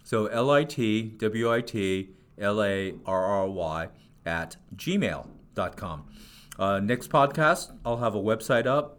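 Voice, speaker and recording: A man in his sixties co-hosting a podcast, chatting casually and joking with lots of fillers. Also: fairly low pitch. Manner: jokey, rambling with many fillers. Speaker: podcast co-host. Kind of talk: casual chat.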